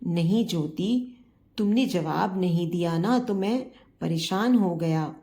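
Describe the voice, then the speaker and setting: A woman's voice: medium pitch, slow pace, dark tone. A woman voicing a joking, affectionate husband in his sixties who teases and pleads with his wife. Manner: teasing, fond, pleading.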